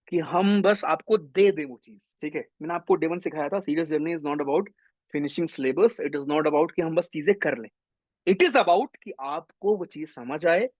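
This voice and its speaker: A young man teaching English grammar in an online exam-prep class, energetic and mixing English terms into his talk. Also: fairly high pitch, no echo. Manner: energetic, mixes Hindi with English terms, addresses students as brothers.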